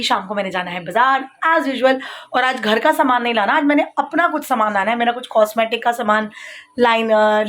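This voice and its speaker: चहकती आवाज़ में बातें करती महिला vlogger. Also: female voice, a little high, a little hiss or hum. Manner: chatty, mixes English words into her talk; raises her voice over a barking dog. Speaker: vlogger. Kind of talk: casual home vlog chat. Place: home kitchen and rooms. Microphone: phone held while she works.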